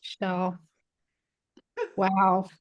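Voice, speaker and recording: A woman's voice: mid-range voice, monotone, drawn-out words. A woman hosting a group wellness call, speaking earnestly and encouragingly. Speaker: host and wellness coach.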